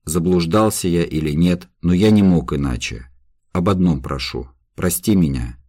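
A young condemned man in an audiobook, gentle and loving, torn between disbelief and tenderness, as voiced by a male reader. The voice sits extremely low and deep. It is dry and close, with no room around it. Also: normal speed, dry recording. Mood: tender. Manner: anguished, tender inner voice.

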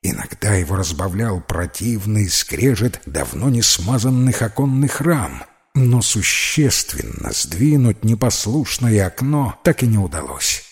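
A man narrating a children's tale as an audiobook, with slow, expressive storytelling. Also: fairly low pitch.

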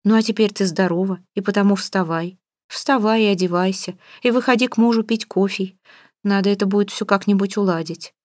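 A woman's voice: mid-range voice, fairly even intonation, brisk, a little mellow, no echo, close to an everyday voice. A woman reading an audiobook, voicing a stern, fussy middle-aged mother who scolds and gives orders. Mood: exasperated. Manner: scolding, bossy. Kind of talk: audiobook character voice.

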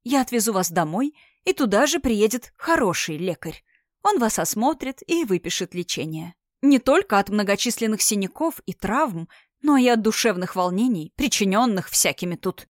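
A woman's voice: medium pitch, sing-song, moderate pace, no echo, clean studio sound, natural voice. Woman voicing a fussing, protective governess. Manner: fussing, lamenting, indignant. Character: fussy, protective older governess.

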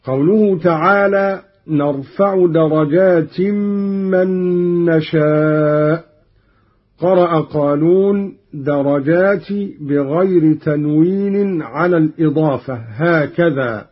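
Slow husky guy teaching quran recitation, chants the examples, muffled old radio sound. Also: on the high side. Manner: deliberate, slows down to chant each cited verse. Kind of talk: measured explanation of recitation variants with chanted examples. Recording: dull lo-fi archival radio recording.

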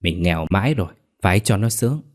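A man voicing a poor, stubborn old village father who talks gruffly. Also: deep voice, animated, quick pace. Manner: gruff, dismissive.

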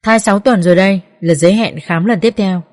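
A woman voicing a brisk, matter-of-fact doctor giving results. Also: medium pitch, lightly acted.

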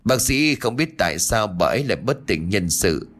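A man's voice: lowish voice, sing-song, moderate pace, a bit bright, heavily acted. A man voicing a worried old village man who talks brusquely and scolds the young ones in a ghost story. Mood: weary.

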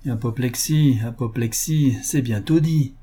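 Man doing old sardonic notary, muttering, husky. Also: mid-range voice, unhurried, warm tone. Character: old male notary, sly and grumbling.

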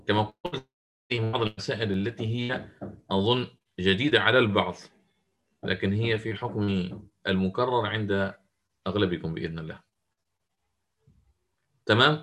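A man's voice: on the low side, fairly quick, pauses often, fairly bright tone. A man teaching Quranic recitation in an interactive online lesson. He explains the rules step by step and quizzes his students as he goes.

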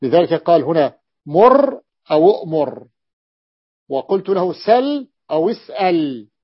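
Higher-pitched male teacher on a muffled recording. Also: sing-song, measured pace. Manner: repeats key forms and invites the reader to continue. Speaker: teacher of Arabic morphology. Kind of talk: explaining a classical grammar text.

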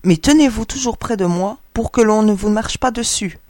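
A woman's voice: mid-range voice, normal speed, a little mellow, no room sound, clean studio sound, lightly acted. A woman voicing a proud, protective mother duck who fusses over her ducklings, in a storybook reading. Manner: fussy, protective, doting. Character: anxious proud mother duck, female, adult.

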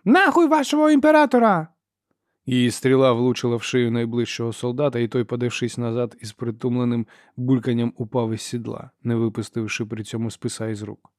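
A man reading a novel aloud as an audiobook narrator, in steady, measured storytelling. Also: medium pitch, no echo, studio quality. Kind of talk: scripted narration.

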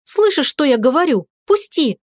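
A woman voicing a defiant, sharp-tongued young wife who argues with sarcasm and passion. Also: fairly high pitch, animated, normal speed, dry recording, studio quality, lightly acted. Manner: indignant, sarcastic, impassioned.

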